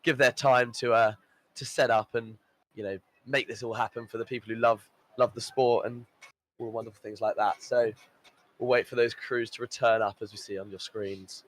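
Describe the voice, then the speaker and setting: A man's voice: medium pitch, steady tone, normal speed, a bit bright, low-quality recording. A man commentating a live event in an enthusiastic, upbeat way, full of praise and fillers.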